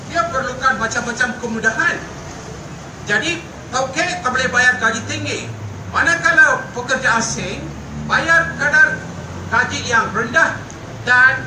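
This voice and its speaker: High-pitched older Malaysian man at a rally. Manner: earnest, emphatic and repetitive, with hesitant fillers. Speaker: rally speaker. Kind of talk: political rally speech. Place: outdoor night rally by a street. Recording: echoey PA sound from far off with traffic noise.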